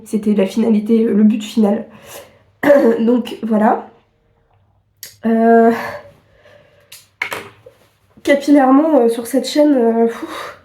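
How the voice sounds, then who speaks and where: Young woman vlogger with a cold, mellow and a bit high, rambling and self-deprecating, recorded in a reverberant room. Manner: chatty, self-mocking, many fillers and laughs. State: sniffly with a cold. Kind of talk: casual chat to camera. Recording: echoey room.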